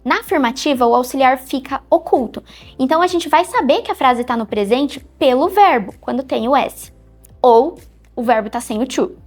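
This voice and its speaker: A woman with a high, bright voice gives a clear, patient English lesson. She explains step by step and slows down to spell out each example. Soft music plays quietly behind her. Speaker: English teacher.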